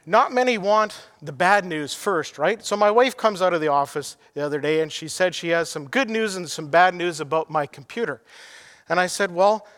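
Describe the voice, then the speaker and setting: A man's voice: high voice, expressive, moderate pace, fairly bright tone, long reverb tail. A middle-aged man preaching a sermon as pastor, earnest and emphatic, telling anecdotes.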